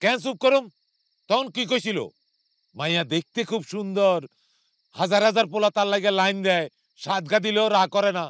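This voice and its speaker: A man's voice: high voice, normal speed, a bit bright, dry recording, clean studio sound. An actor playing a bitter village man who mocks a marriage in a TV drama. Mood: scornful. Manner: scornful and mocking. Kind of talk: TV drama acting.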